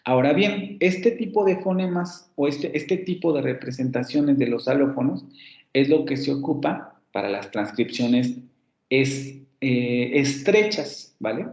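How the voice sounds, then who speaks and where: A man's voice: medium pitch, unhurried, vocal fry, darkish tone, roomy sound, lo-fi sound. A man giving an online phonetics lecture. He explains step by step, repeats example words and corrects himself as he goes. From Mexico. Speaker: university phonetics teacher.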